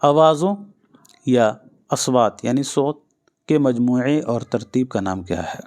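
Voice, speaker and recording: Male tutor, mellow tone, patient exam-drill delivery, repeats key answers. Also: mid-range voice, lively intonation. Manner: patient, repeats each answer, addresses listeners directly. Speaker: teacher. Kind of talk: exam-prep lesson.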